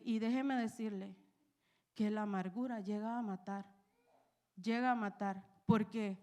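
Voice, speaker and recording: Emotional woman preaching her testimony. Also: a little high. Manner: emotional storytelling, frequent "¿verdad?" asides. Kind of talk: personal testimony in a sermon. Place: church.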